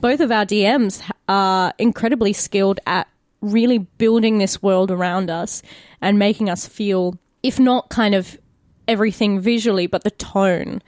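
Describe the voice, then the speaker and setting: An actor with an Australian accent chats casually and candidly on a podcast as a cast member, swearing freely. Her voice is mid-range and darkish, and her pace moderate. The studio-quality recording is dry.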